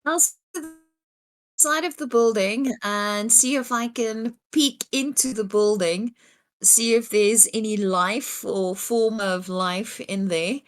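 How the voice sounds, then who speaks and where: A woman's voice: a little high, takes it slowly. A woman playing in a tabletop role-playing game over an online call, talking hesitantly with fillers, her voice cutting out over a bad bluetooth connection. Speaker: player.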